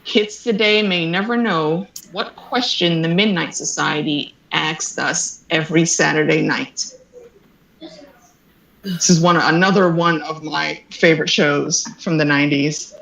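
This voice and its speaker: A playful quizmaster runs a casual online trivia game, teasing players and drawing out each question. The voice is bright and pointed. It echoes as if in a bare room. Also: medium pitch, steady tone, unhurried, creaky.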